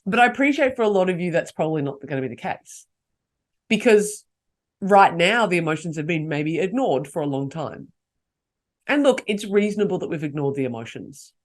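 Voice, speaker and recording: A woman's voice: on the low side, animated, brisk. A woman hosting a solo podcast, coaching her listeners and asking them rhetorical questions. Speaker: podcast host.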